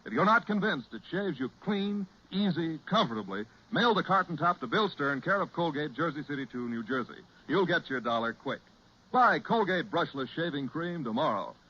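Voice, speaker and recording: An American man announces on a 1940s radio show, selling with polished, emphatic flair. His voice is fairly high, expressive and slightly rough at a moderate pace. The broadcast sounds muffled and noisy, true to its 1940s origins.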